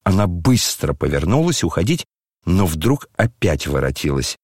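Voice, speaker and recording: A man reading a classic novel aloud as narrator, measured and steady. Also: deep voice, husky, dry recording, clean studio sound. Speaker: audiobook reader. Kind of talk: scripted literary narration.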